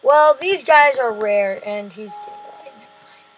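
A woman giving casual, excitable let's-play commentary, shouting at creatures in the game. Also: a little high, normal speed, slight background noise, low-quality recording. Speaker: gameplay commentator.

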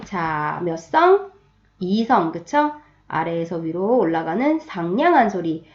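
A woman's voice: lowish voice, sing-song, slow, highs cut off. A woman teaching a beginner language lesson, patiently drilling her students with repeat-after-me cues.

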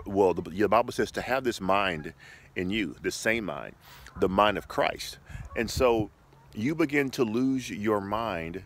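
A man's voice: on the low side, a bit bright. A middle-aged man preaching in an informal, conversational devotional style, encouraging his listeners and often repeating his phrases, recorded on a phone held at arm's length outdoors. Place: outdoors by a shoreline path. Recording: clear outdoor ambient noise.

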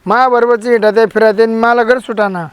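A man plays an old village father in a comedy sketch, his voice pitched very high. He rambles in rustic rural Marathi speech, grumbling that he is tired of waiting. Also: fairly even intonation, fast, clean tone, no echo.

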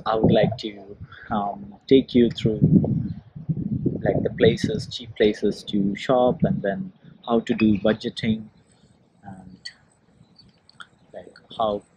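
Man, low voice, casual chatty vlog, phone at arm's length, noisy street behind. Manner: relaxed, chatty, laughs often, many ums. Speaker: vlogger.

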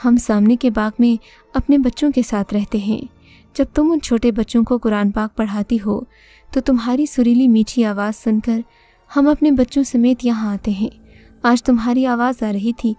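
A woman's voice: a little high, mellow, dry recording, faint music behind, close to an everyday voice. A woman voicing a protective female jinn with a heavy voice, giving stern commands in a storybook reading. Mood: explaining. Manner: stern, then consoling.

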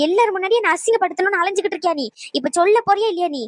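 A woman voicing an exasperated middle-aged mother in a cartoon, who scolds loudly and wails. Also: very high voice, very fast, no room sound. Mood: scolding, wailing. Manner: loud, scolding, wailing. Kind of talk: cartoon voice acting.

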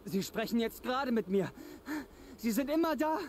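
Game role: a haunted outcast, high and anguished, pleading, slight background noise. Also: male voice, lively intonation, normal speed. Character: tormented outcast man hearing spirit voices. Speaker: game character.

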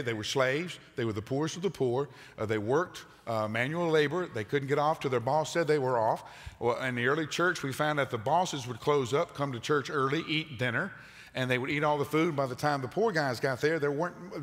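An older man preaching a sermon as pastor, animated and moving about the stage in a large church auditorium. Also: medium pitch. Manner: animated preacher, gesturing while pacing the stage. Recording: long reverb of a large sanctuary.

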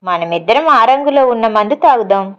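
A woman's voice: on the high side, expressive, moderate pace, fairly bright tone. A woman voicing a fearful, bumbling village man who pleads and asks naive questions, on a slightly dull recording. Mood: timid pleading. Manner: pleading, timid.

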